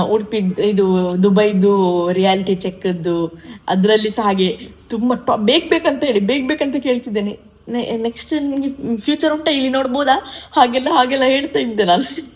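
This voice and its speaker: A woman's voice: on the high side, slight background noise, poor audio. A woman, chatting emotionally to camera in a casual vlog, with many restarts. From coastal Karnataka, India. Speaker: vlogger.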